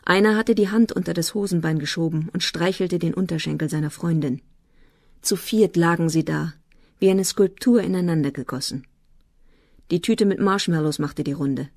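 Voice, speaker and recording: Brief: calm woman narrator, lowish voice, dry close studio read of a novel. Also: moderate pace, dry recording. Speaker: audiobook narrator. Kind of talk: literary audiobook narration.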